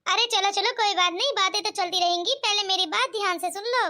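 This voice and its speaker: A woman's voice: extremely high pitch, fairly quick, pushed and bright. A woman voicing a bossy, proud middle-aged mother-in-law in a cartoon, speaking in a commanding and boastful way. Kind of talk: cartoon voice acting.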